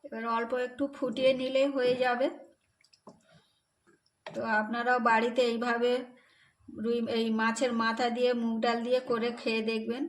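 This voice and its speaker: A woman's voice: fairly high pitch, normal speed, pauses often. Woman narrating a home cooking video. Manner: calm step-by-step explaining. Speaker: cooking channel host. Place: home kitchen. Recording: faint background noise.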